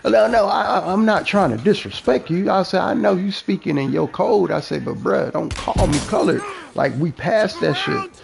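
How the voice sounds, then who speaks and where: A man's voice: sits high, normal speed, gravelly, hardly any pauses. A man in casual, profane storytelling chat who acts out the people in his stories as he talks. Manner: profane, animated, acts out quoted dialogue.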